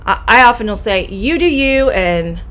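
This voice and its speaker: Her pitch a little high and her tone a bit bright, the middle-aged Midwestern American teacher uses lively intonation in her live-streamed idiom lesson. She's friendly and patient, explaining slowly and repeating phrases.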